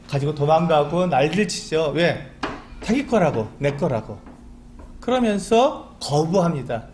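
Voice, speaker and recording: In a church sanctuary, a pastor preaches a Sunday sermon in a chatty way, posing rhetorical questions and acting out little quoted pleas to God. His voice is a little high with a darkish tone, and there's slight background noise.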